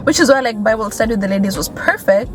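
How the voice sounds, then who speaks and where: A young Kenyan vlogger with an expressive, fairly high voice talks fast, casually and candidly while driving on city streets, using many fillers. Loud road noise from the car fills the recording.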